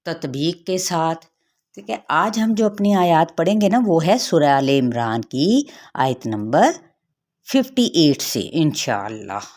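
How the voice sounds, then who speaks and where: A woman teaching a tajweed lesson, patiently explaining recitation rules step by step and often checking in with her listeners. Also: low-pitched.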